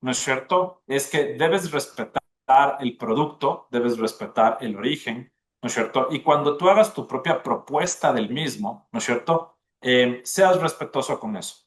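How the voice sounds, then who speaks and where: Here an Ecuadorian gastronomy school dean talks at a measured pace with few pauses, his medium-pitched voice lively in intonation. In this podcast interview he explains at length and keeps checking in with the listener, frequently adding "¿no es cierto?".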